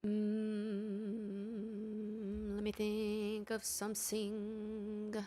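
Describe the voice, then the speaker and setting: A woman's voice: mid-range voice, monotone, extremely slow, mellow, soft background music. A young adult woman streamer chatting casually with her viewers during a live game stream, greeting them by name. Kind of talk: casual livestream chat.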